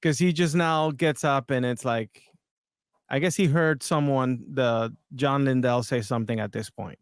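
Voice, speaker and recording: A man's voice: mid-range voice, a little slow, smooth, no room sound, clean studio sound. A man hosting a podcast, talking casually and a bit hesitantly as he comments on video clips. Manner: conversational, hesitant, with restarts. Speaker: podcast host.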